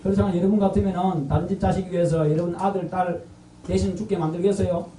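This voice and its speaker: A man's voice: sits high, steady tone, fast talker, dark tone, slight background noise. A middle-aged man with a Gyeongsang accent preaching an evangelistic sermon, quizzing the congregation and repeating their answers. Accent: Gyeongsang Korean. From North Gyeongsang, Korea. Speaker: pastor. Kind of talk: evangelistic sermon with call-and-response. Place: large church sanctuary. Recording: echoey and distant from the mic.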